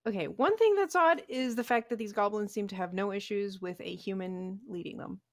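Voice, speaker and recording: Narrating a tabletop game as its game master, this woman speaks in a halting, conversational manner. Her voice is mid-range, and there's no room sound.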